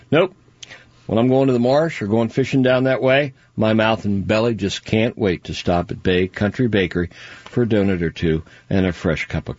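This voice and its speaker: Folksy radio host, husky and low. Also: male voice, no echo. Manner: folksy, chatty, personal asides. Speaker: radio host reading sponsor ads. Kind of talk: casual live-read radio ads. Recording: dull lo-fi radio broadcast.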